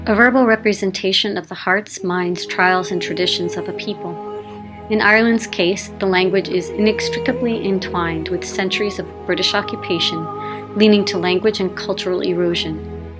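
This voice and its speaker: A woman's voice: medium pitch, poor audio. A woman narrating a documentary in an earnest, reflective, scripted manner. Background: music.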